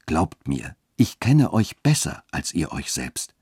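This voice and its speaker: A man voicing a young widow who reasons calmly and gently but stays firm. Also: extremely low pitch, takes it slowly, slightly rough, dry recording, clean studio sound, full character voice. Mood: gently reasoning.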